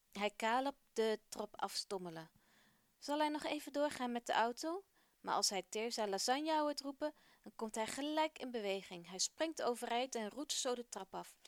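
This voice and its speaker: A woman hosts a children's radio show and reads a family story aloud in a clear, warm storytelling manner. Her voice sits fairly high and sounds close and dry, with no room around it. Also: no echo. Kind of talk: scripted story narration for children.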